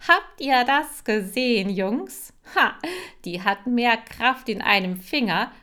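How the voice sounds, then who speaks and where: A woman voicing an excitable, cheerful little male hamster. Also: fairly high pitch, takes it slowly, voice pushed up, heavily acted. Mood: gleeful.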